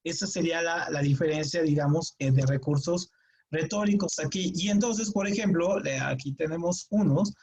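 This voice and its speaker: A man's voice: a little high, moderate pace, darkish tone, slight background noise. A man teaching a creative writing workshop, explaining in a chatty, digressive way and often checking with his students. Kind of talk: classroom lecture with anecdotes.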